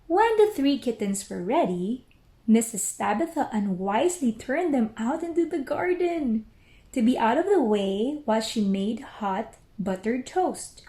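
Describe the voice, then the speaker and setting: Reading a children's story, a woman takes her time with deliberate pauses. She sounds fairly high-pitched and highly expressive, moving at an easy pace. Her voice echoes around a roomy space.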